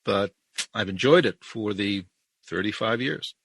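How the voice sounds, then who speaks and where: A man's voice: lowish voice, a little slow, fairly bright tone, husky, no room sound. An older man from South Africa, a keynote speaker, talking in a conversational interview with a wry, storytelling manner over a remote call.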